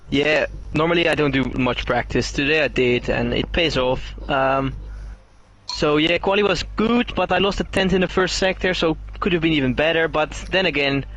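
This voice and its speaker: A man's voice: on the high side, moderate pace, a bit bright, low-quality recording. Laid-back young-sounding guy after winning. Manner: loose and laid-back, lots of "um", casual swearing. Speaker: winning driver being interviewed. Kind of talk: casual post-race interview.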